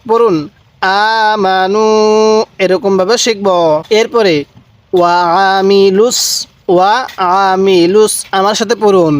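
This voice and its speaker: A man from Bangladesh, teaching Quran recitation step by step, drawing out each syllable slowly and then explaining briskly. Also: high-pitched, steady tone. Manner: slow drawn-out recitation between brisk explanations.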